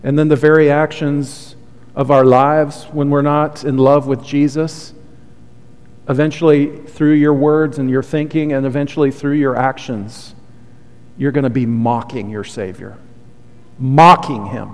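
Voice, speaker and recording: Here the pastor's voice sits at medium pitch, keeping a steady tone and a measured pace. Soothing, earnest and heartfelt, he preaches with gentle confessional asides, recorded with long reverb from the hall.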